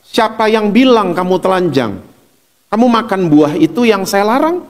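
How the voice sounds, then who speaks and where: A man voicing God as a gentle father searching for his children, asking without anger. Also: high voice, very animated, big-room sound. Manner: gentle, unhurried questioning.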